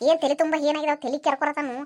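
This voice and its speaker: A woman's voice: high voice, little pitch movement, rapid-fire, a little mellow, lightly acted. A woman with a North Karnataka accent playing a bossy, complaining young wife in a comedy skit. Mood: reproachful. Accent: North Karnataka Kannada. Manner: reproachful, bossy.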